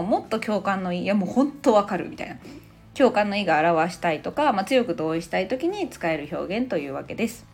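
A woman in her thirties hosting a casual podcast language lesson, playful and chatty as she explains. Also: medium pitch. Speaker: English teacher and podcast host.

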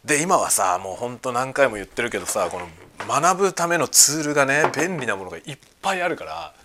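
A man hosting a casual podcast chat, talking excitedly at home while he cooks and eats lunch. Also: medium pitch, quick pace, noisy background. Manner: excited, talkative. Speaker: podcast host. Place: at home, cooking and eating lunch.

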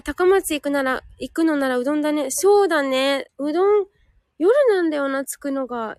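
A woman's voice: high-pitched, a little mellow, dry recording, studio quality. A woman hosting a live audio stream in a casual, chatty way, reading listener comments aloud and catching her own slips.

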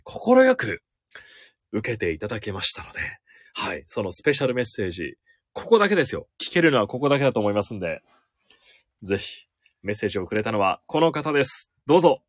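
Lively chatty male radio announcer. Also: fairly low pitch, fast talker, dry recording, studio quality. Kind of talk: casual radio talk.

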